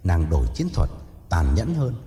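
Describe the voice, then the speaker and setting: A man narrating an audio story in a dramatic, expressive way. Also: low-pitched, moderate pace. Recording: echoey reverb with faint music.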